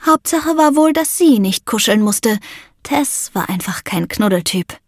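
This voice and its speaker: A woman narrating a children's book in a lively, expressive way. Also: medium pitch, a little slow, no echo, studio quality. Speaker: audiobook narrator.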